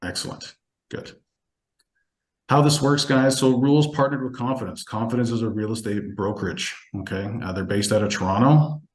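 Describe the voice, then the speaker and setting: Brief: low-pitched male webinar presenter, fast and chatty, keeps asking listeners if they follow, roomy echoey video call audio. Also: steady tone. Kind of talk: casual sales presentation.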